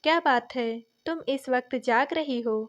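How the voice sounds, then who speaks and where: A woman's voice: sits high, measured pace, dull audio. A woman voicing a kindly old father-in-law. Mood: affectionate. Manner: warm, soothing, fatherly tone. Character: kindly older father-in-law, affectionate and calm.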